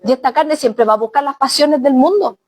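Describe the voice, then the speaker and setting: A woman's voice: high voice, a little fast, a little mellow. A woman pastor preaching a sermon, often exclaiming and speaking straight to the congregation as brother and sister. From Chile.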